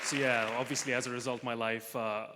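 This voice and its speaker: A man's voice: mid-range voice, level tone, a little fast, a loud crowd, very noisy. A young man from Russia performing a dry, self-deprecating stand-up set, with frequent "uh"s. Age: young adult. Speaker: stand-up comedian. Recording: reverberant hall with audience.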